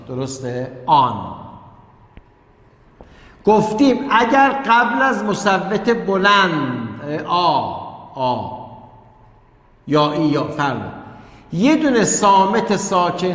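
A male teacher gives an online lesson in a slightly high voice. He repeats key words and keeps turning to address his pupils directly. The recording is roomy, with a long reverb trailing each phrase. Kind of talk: online class lecture. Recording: echoey room with long reverb.

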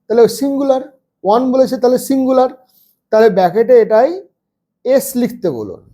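A man teaching a first-grade English lesson, spelling words out slowly letter by letter. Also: very high-pitched, mellow.

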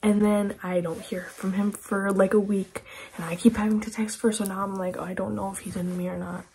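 A young woman chatting casually through a get-ready-with-me vlog at home, laughing often and slipping into soft whispers. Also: mid-range voice, little pitch movement, fairly quick, vocal fry, slight background noise. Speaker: beauty vlogger.

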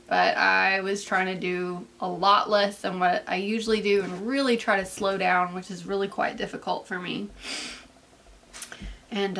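Breathless, chatty young woman with a bright voice. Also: medium pitch. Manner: chatty and rambling, full of "like" fillers. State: congested from sinus allergies. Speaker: vlogger. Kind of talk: casual pregnancy update vlog.

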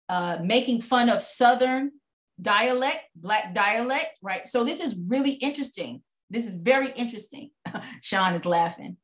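A woman giving a lively guest talk on a video call, telling stories with laughs and asides. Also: medium pitch, reverberant. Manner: animated storytelling with laughs and asides. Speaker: guest speaker.

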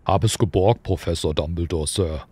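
A man voicing a huge, soft-hearted male giant who speaks in a rough, folksy way. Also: sits low, normal speed. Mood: earnest.

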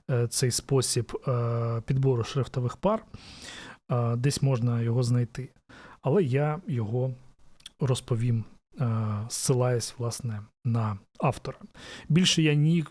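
With a mellow, medium-pitched voice, a man teaches a design topic casually, working through his ideas out loud. He's a design educator who comes across as thoughtful, and his speech is full of "e" fillers and restarts.

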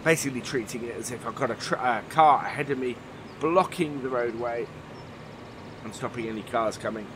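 Brisk and medium-pitched, a let's play host, slightly nasal with a cold on the way, gives casual commentary on a farming game while thinking aloud through many fillers. The voice-over carries clear game vehicle noise.

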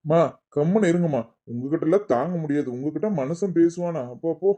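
A man's voice: on the high side, a little fast, dark tone, close to an everyday voice. A man voicing an exasperated bus conductor in a cartoon, grumbling and complaining. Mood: annoyed. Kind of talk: cartoon voice acting.

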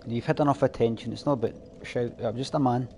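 Swearing, deadpan man streaming a game. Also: medium pitch, fast talker, slight background noise. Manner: addresses chat readers directly, swears freely; mock-exasperated, deadpan scolding. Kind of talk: live stream chat while gaming.

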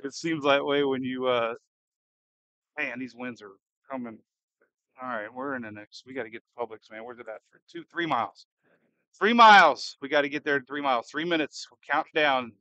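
A man with a bright, forceful voice in a close, dry-sounding recording. He talks like a storm chaser live from behind the wheel, casual and a little edgy, thinking aloud and repeatedly asking questions. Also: mid-range voice, fairly even intonation, a little fast, no echo, dull audio. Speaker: storm chaser and livestream host. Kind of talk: casual live commentary while driving. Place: inside a moving car in a storm.

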